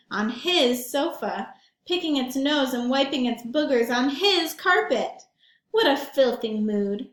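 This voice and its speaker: A woman with a high-pitched voice gives an expressive read-aloud of a children's picture book, her words echoing around the room. She stresses lines with animation and turns to the kids with simple questions along the way.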